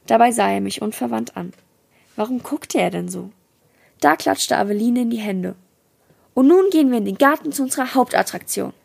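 A woman's voice: vocal fry, darkish tone, breathy edge. A woman reading a children's novel aloud, lifting her voice for the dialogue. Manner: switches into livelier, higher voices for quoted dialogue. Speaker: reader of a book excerpt.

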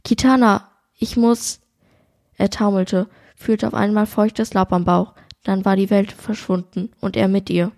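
Teen girl with a gravelly, dark reading voice. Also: mid-range voice, steady tone, moderate pace. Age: teenager. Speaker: school podcast presenter. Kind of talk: reading a book excerpt aloud.

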